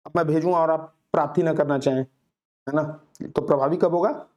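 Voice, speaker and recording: A man teaching an exam-prep class, explaining answers with homely examples and reading questions out slowly. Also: a little high, fairly even intonation, a little mellow, muffled recording. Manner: reads English questions out very slowly, then explains with everyday examples. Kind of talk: Hindi lecture solving exam questions.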